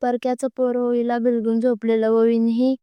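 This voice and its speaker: A woman reads a story aloud in a plain, steady way, now and then stopping to restart a word. Her voice is clear and slightly high with little melody. The recording is close and dry. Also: normal speed, no echo, muffled recording. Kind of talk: storybook narration.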